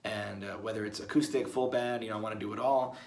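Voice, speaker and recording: A man's voice: fairly low pitch, steady tone, quick pace, a little mellow. A young man talking casually in a one-take video blog, rambling and restarting his words often. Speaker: musician vlogger. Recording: roomy with faint ambience.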